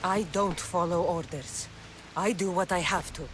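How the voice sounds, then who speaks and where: A woman's voice: on the low side, fairly even intonation, unhurried, noisy background, natural voice. A woman voicing a determined young female mercenary of ancient Greece in a video game, speaking firmly and bluntly. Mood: defiant. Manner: firm, blunt. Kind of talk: dramatic video game dialogue. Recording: game soundtrack music behind the voice. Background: music.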